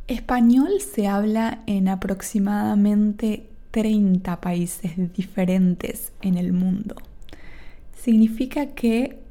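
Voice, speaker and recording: A podcast host from Argentina, she teaches Spanish in a dark-toned, mid-range voice marked by her Argentine accent. Her delivery is slow and careful, sprinkled with frequent "¿sí?" check-ins.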